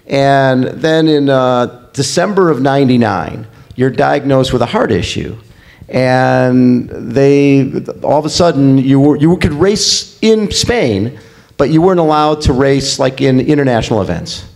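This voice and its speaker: A man interviewing an athlete, leading with friendly, quick follow-up questions. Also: medium pitch, gravelly, a little mellow.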